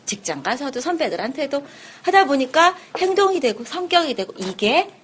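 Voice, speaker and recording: Woman lecturer, seminar room, lively voice, rather high, faint background noise. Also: normal speed. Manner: animated, acts out little scenes, asks the audience questions.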